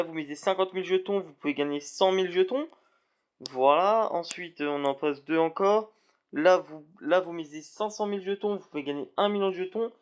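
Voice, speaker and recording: A young man explaining a game in a screen-recorded walkthrough, with many fillers and restarts. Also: on the high side. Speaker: gaming video creator.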